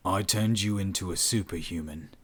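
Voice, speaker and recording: An awkward young man apologizing with hesitation, as a male narrator does him. His voice is low and husky. He speaks in a subdued, unhappy way. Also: normal speed, fairly bright tone. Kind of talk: audiobook narration.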